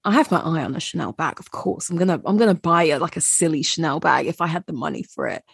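A woman co-hosting a podcast, chatting casually with drawn-out, opinionated emphasis and a slight frog in her throat. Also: low-pitched, animated, creaky, breathy edge, dry recording, clean studio sound. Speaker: podcast co-host. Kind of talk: casual chat.

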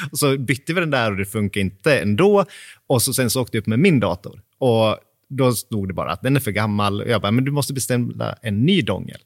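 A man's voice: mid-range voice, animated, dry recording. Chatty man laughing on a dry mic. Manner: chatty, laughs often mid-sentence. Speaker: podcast host. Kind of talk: casual chat. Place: at home.

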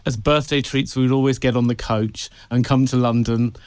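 Speaking as an interview guest, a PR agency director from Wales chats casually and tells stories, laughing often. Recorded in an office with no echo, his clean, medium-pitched voice keeps a fairly even intonation at a moderate pace.

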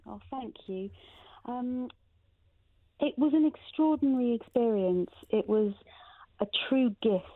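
A woman's voice: a little high, slow pace, pauses often, no echo, phone-quality sound. A woman as an interview guest, hesitant and reflective, on a thin remote line. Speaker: podcast guest.

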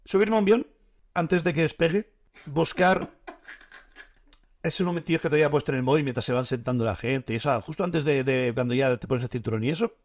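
A man co-hosting a podcast talks fast in a slightly high voice. He jokes constantly, stammers at times and slips into silly put-on voices. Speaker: podcast co-host. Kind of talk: casual chat.

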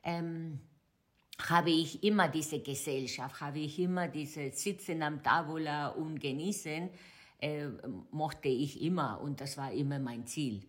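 Middle-aged woman, Argentine Spanish accent, Spanish native, hesitant, many fillers, lowish voice. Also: unhurried. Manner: hesitant, searching for German words, many fillers. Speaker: guest, hobby cook. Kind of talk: interview answers.

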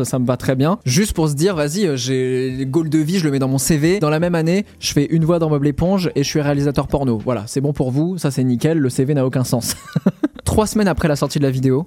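A young man, a video creator, telling stories in a casual interview, animated and slangy, often breaking into laughter. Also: on the high side. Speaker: YouTuber being interviewed.

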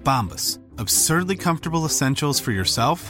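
An eager co-founder pitching ideas. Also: male voice, animated, a bit bright, soft background music. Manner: enthusiastic. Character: eager male company co-founder brainstorming. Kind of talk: scripted comedic ad dialogue.

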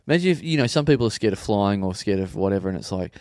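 A man's voice: lowish voice, racing, no echo, clean studio sound. A man co-hosting a podcast, chatting casually, swearing and laughing as he talks. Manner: animated, swearing, laughing often. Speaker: podcast co-host. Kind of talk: casual banter.

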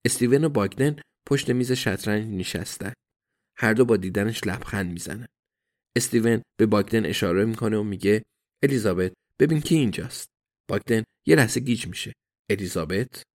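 A man narrating an audiobook in a steady, even storytelling manner. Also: lowish voice.

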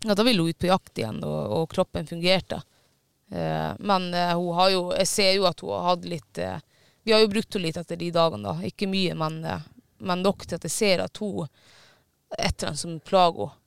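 His tone steady, a high-voiced man tells a story in casual chat, swearing now and then and pausing on filler words. The voice is smooth and clear, though a gravelly fry lies underneath. The sound is dry and close, free of room sound.

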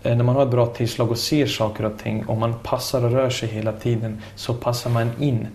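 A man in his forties with a middle-pitched voice tells stories in a relaxed interview. He is talkative and animated, often restarting his sentences as he goes. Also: slight background noise. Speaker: former professional footballer, youth coach. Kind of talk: casual interview conversation.

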